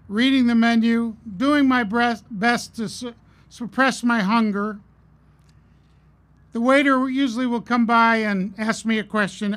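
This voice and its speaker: A middle-aged man giving a commencement address at a podium, earnest and measured, telling stories with pauses. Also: very high-pitched, fairly bright tone. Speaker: commencement speaker. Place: outdoor stage at a podium. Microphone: podium mic on a stand.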